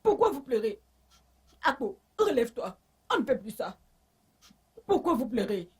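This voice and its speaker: A cheeky young house servant. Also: female voice, on the high side, sing-song, moderate pace, breathy edge, full character voice. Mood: teasing. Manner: teasing, half laughing, half crying. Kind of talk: dubbed film acting.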